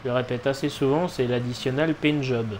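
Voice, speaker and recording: A man's voice: medium pitch, steady tone, fairly quick, a little mellow. A man giving casual live commentary as he streams a game, with noncommittal, shrugging asides. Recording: clear background noise, game ambience.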